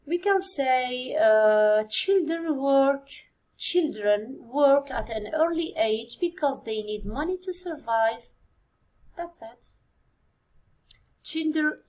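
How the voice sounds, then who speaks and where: An Algerian woman teaching an English exam review, speaking slowly and deliberately, repeating key words and switching into Arabic to explain. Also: high voice, darkish tone, low-quality recording. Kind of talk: classroom exam review lesson.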